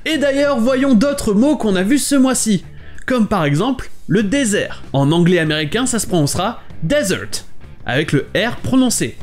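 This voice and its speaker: A man teaching English pronunciation in a lively, explanatory video lesson. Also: high voice, normal speed, soft background music.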